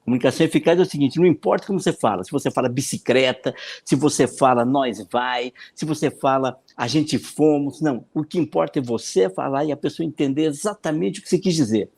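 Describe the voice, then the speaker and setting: Animated Brazilian man explaining. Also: fairly high pitch, fast, gravelly, hardly any pauses, slightly rough. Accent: Brazilian Portuguese. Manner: animated explaining, acts out quoted voices, frequent repetitions. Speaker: political consultant and speaking coach. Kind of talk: podcast interview answer.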